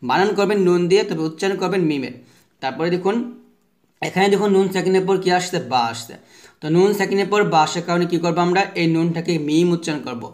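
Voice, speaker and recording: A man with a fairly high voice teaches the rules of Quran recitation, step by step. He asks a question and answers it himself. He drags out each letter sound so that listeners can repeat after him. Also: fast. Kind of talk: tajweed lesson.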